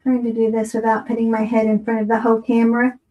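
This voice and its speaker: A woman's voice: on the high side, monotone, fast, muffled recording. Chatty woman crafting on camera. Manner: chatty, talks to viewers while working hands-on. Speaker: craft tutorial host. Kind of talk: casual craft tutorial.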